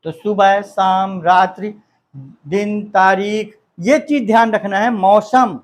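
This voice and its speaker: High-voiced man teaching slowly. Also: steady tone. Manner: dictates sentences slowly, repeating each phrase; asks the class questions. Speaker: English grammar teacher. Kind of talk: classroom grammar lesson.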